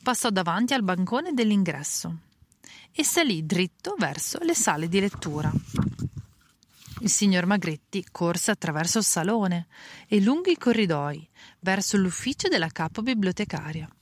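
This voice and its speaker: A woman reading a children's story aloud slowly and clearly. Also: medium pitch, very animated. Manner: slow, clear reading with voices for characters.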